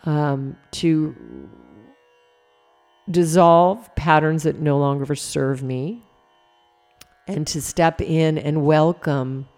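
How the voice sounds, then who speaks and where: A woman with an early-morning voice leading a spiritual talk before a guided meditation, meandering and reflective, pausing often with fillers. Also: sits low, a little mellow.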